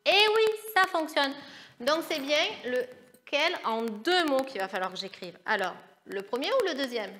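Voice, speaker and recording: A woman's voice: fairly high pitch, lively intonation, moderate pace, fairly bright tone. A woman who teaches primary school, patiently walking young pupils through a grammar lesson step by step. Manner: patient, explains step by step, calls pupils "les loulous".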